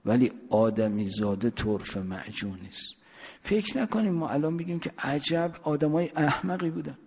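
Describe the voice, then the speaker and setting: A man's voice: fairly high pitch, animated, darkish tone, husky. A man preacher giving a sermon, telling a story and asking his listeners rhetorical questions, with a long hall reverb. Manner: rhetorical questions, drawn-out emphasis.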